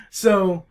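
A young man in casual chat with friends, rambling and excitable and often laughing. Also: extremely high pitch.

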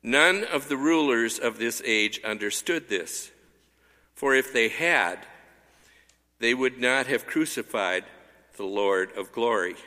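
A man reading scripture aloud as a lector in a slow, measured way, his voice ringing with cathedral echo. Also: mid-range voice, lively intonation, bright, forceful tone. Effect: cathedral echo, long church reverb. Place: large church. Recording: reverberant church hall.

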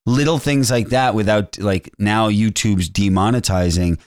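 A man's voice: fairly low pitch, measured pace, no echo, studio quality. A man co-hosting a podcast, talking casually in a conversational way. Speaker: podcast co-host. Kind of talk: casual chat.

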